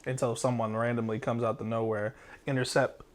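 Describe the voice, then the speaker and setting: A man's voice: medium pitch, quick pace. A man co-hosting a podcast, teasing his friends and explaining things at length in casual banter. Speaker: podcast co-host.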